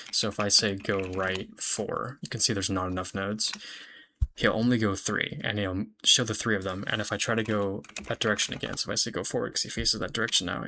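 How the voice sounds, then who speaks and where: A young man casually walking through a software demo of his own project, explaining in a relaxed, chatty way with fillers and self-corrections. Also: fairly low pitch, creaky.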